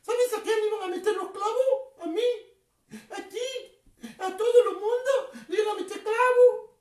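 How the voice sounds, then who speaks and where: A woman in a clown preacher role tells a Bible story to children in a very high, squeaky voice. She sounds giggly and half-tearful and repeats words in a sing-song way. She is heard from some distance in an echoey room. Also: moderate pace, darkish tone.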